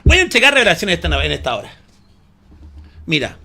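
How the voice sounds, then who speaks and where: A man's voice: a little high, wildly swooping pitch, quick pace, vocal fry, bright, forceful tone. A man preaching a sermon as pastor, emphatic and full of rhetorical questions to his listeners. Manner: emphatic preaching, calls listeners "hermano" often; asks the audience rhetorical questions.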